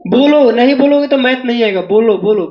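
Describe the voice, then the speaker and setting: A man's voice: extremely high pitch, a little fast, muffled recording. A man teaching maths in a classroom, pressing students again and again to call out the answers. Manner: drills students, asking them again and again to answer aloud. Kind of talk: classroom lecture.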